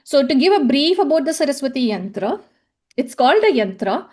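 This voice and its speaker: A conference presenter from South India whose first language is Tamil gives an academic presentation with slides. Her high, somewhat mellow voice swings widely in pitch and moves fairly quickly, and she is hesitant, full of fillers and repeated words.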